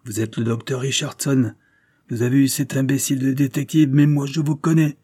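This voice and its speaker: A man voicing a gruff, mocking middle-aged ship skipper in a storybook reading, his voice raised higher and louder than his narration. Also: level tone, fairly quick, dry recording, studio quality, lightly acted. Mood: furious. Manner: gruff, teasing, then urgent.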